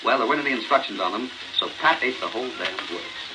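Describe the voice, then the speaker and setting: On a noisy, crackling 78 rpm novelty record, a man narrates a scripted comic story in a theatrical, folksy style. His voice sits at medium pitch, with lively intonation and a quick pace.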